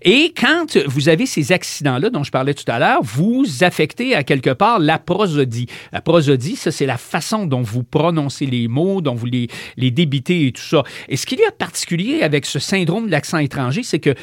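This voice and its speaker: A man's voice: on the high side, moderate pace, hardly any pauses, no room sound, studio quality. A man with a Quebec French accent, co-hosting a talk show and explaining a science topic in a casual, rambling way. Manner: explanatory, many fillers and restarts, lively.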